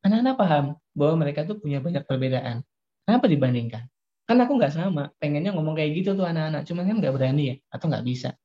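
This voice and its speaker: A man, a child psychologist, giving a lively parenting seminar talk, speaking straight to the parents and laughing now and then. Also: a little high, rapid-fire. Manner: lively, addresses parents directly, often laughs. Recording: dull lo-fi recording.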